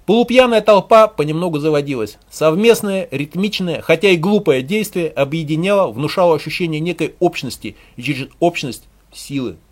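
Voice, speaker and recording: A narrator reading an audiobook with expressive storytelling. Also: medium pitch, a little fast, few pauses, background noise.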